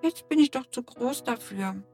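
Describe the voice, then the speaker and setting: A woman voicing a small, sad and shy boy in a storybook, speaking in a halting, stammering way. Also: a little high, animated, gravelly, warm tone, soft background music. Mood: wistful. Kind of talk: storybook narration.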